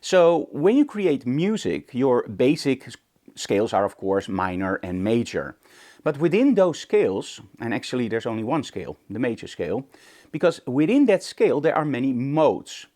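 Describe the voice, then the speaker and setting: A Dutch man from the Netherlands, a native Dutch speaker, hosts an informal photography tutorial straight to camera. His mid-range, mellow voice is sing-song at normal speed, and he talks conversationally and emphatically, posing rhetorical questions.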